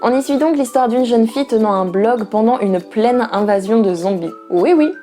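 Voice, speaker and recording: Mellow-voiced woman chatting about books. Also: fairly high pitch, normal speed, faint music behind. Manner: chatty, playful, frequent fillers and asides. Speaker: book vlogger. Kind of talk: casual book talk to camera. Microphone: camera mic.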